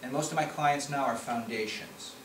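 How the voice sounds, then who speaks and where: A man's voice: medium pitch, normal speed. A middle-aged man from the Chicago area giving a conversational presentation with slides, often restarting and repeating words. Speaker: policy researcher giving a talk. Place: meeting room at a conference. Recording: echoey room from far off, noisy.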